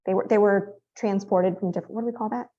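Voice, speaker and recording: A woman's voice: mid-range voice, fairly even intonation, fast talker, dark tone, dull audio. A woman in her fifties from California, an author telling family stories in a conversational interview, rambling with fillers and restarts. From San Francisco Bay Area, California. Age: 50s. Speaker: author guest.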